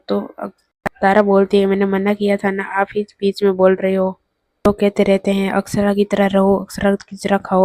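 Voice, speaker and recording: A woman's voice: mid-range voice, warm tone, no room sound. A woman narrating an episode recap of a TV serial, retelling scenes by quoting each character's dialogue in a level tone. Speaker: TV serial reviewer.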